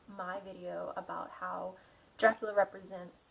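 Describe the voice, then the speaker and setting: In poor audio, this video host speaks in a lowish, level voice at a moderate pace, with vocal fry and a breathy edge. She mixes casual commentary packed with fillers and theatrical, dramatic readings from a novel.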